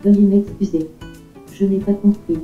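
A woman's voice: medium pitch, steady tone, normal speed, faint music behind. A robotic text-to-speech voice assistant with a woman's voice answers in stiff, evenly polite machine phrasing. Its half-robot tone plays back thin and phone-like through a small speaker. The echoey home lab around it makes it sound roomy. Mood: flat polite. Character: polite synthetic female voice assistant. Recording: tinny speaker playback in an echoey room.

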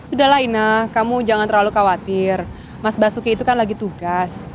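A woman's voice: medium pitch, fairly even intonation, fairly quick, slight background noise, close to an everyday voice. An actress playing a composed, determined woman on an undercover team in a TV drama. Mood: reassuring. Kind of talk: television drama acting.

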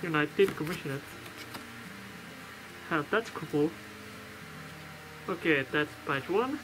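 A speaker from Estonia talks through a costume head, chatting casually and haltingly while unboxing snacks, often thinking aloud and restarting sentences. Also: medium pitch, expressive, noisy background. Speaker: vlogger opening a fan's snack package. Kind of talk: casual unboxing and taste-test chat.

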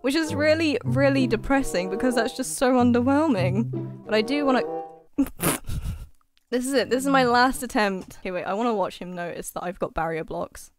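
A high-voiced woman narrates her video game as she plays it, excitable and quick to panic. She repeats phrases in rapid bursts and laughs often, with music playing clearly underneath. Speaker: gaming YouTuber. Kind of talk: live gameplay commentary.

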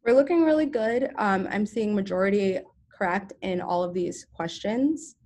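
A woman's voice: mid-range voice, moderate pace, a little mellow. A young woman giving an informal science presentation on a video call, talking casually with many ums and self-corrections. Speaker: student presenter.

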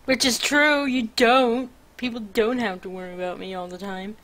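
A woman's voice: a little high, steady tone, moderate pace, a bit bright. A tired young woman live-streaming a game, chatting in a rambling, teasing way with her sister. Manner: rambling, teasing, self-interrupting. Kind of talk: casual live-stream chat.

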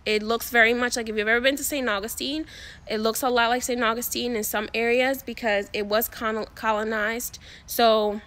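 Outdoors in a backyard, a young woman from the Dominican Republic who vlogs as a spiritual coach chats to her arm's-length phone, rambling with plenty of fillers and restarts. She speaks at a moderate pace in a fairly high, fairly bright voice with fairly even intonation.

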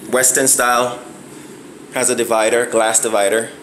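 A man's voice: medium pitch, flat delivery, normal speed, fairly bright tone, slight background noise, low-quality recording. Rambling man giving a house tour. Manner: rambling, searches for words with many fillers. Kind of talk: casual walking house tour. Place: empty house, indoors and on balconies. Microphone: handheld phone camera.

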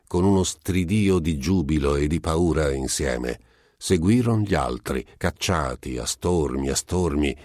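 A man with a very low voice narrates a classic story, measured and deliberate. The recording is close and dry with no room sound. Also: a little mellow, no room sound. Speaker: audiobook narrator. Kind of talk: scripted literary narration.

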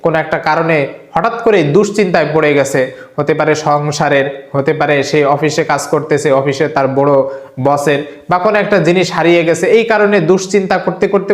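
A male preacher, giving earnest, repetitive religious instruction and slowly demonstrating a remedy. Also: a little high, reverberant. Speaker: Islamic preacher.

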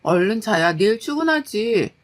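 A woman's voice: medium pitch, very animated, normal speed, lightly acted. A woman playing an exasperated, scolding wife. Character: exhausted working wife, fed up.

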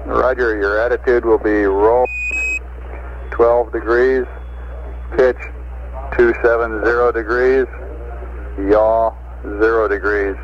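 A man's voice: mid-range voice, flat delivery, takes it slowly, pauses often. A man in astronaut radio style, a mission control communicator giving procedural updates and figures. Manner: procedural, reads figures digit by digit. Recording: muffled radio link with hiss.

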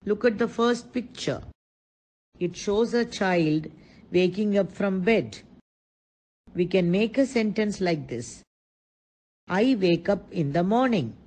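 A woman narrating a scripted lesson for young children, explaining slowly and simply and asking them questions. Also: mid-range voice, animated, darkish tone, low-quality recording. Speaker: kindergarten teacher.

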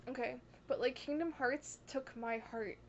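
A young woman vlogging in casual, rambling chat, gushing and excitable, often apologizing for getting carried away. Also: sits high, unhurried. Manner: excitable, gushing, heavy on "like" and "oh my god"; self-conscious, apologetic asides. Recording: dull lo-fi audio with faint hiss.

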